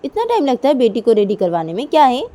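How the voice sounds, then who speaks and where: A woman's voice: medium pitch, lively intonation, normal speed, mellow, a little hiss or hum, voice pushed up, natural voice. A woman voicing a stressed young woman who keeps firing off exasperated questions. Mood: angry.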